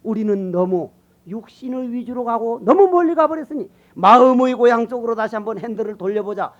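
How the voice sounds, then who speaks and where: An older man, a Buddhist monk, giving a colloquial, teasing sermon that swings between loud calls to the congregation and quiet asides. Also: extremely high pitch. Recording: dull lo-fi sermon recording.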